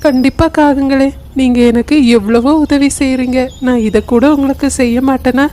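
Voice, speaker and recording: A lost mother goat in a storybook cartoon, earnest and grateful, with a high yet mellow, dark-toned voice, as a woman plays her. She pleads for help finding her child. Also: fairly even intonation, moderate pace, lightly acted. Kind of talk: cartoon voice acting.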